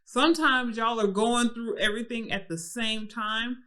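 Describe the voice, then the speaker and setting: Bright-voiced animated woman podcaster. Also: a little high, normal speed. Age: 30s. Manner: animated, laughs often, slips into playful impressions. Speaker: podcast co-host. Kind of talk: casual chat.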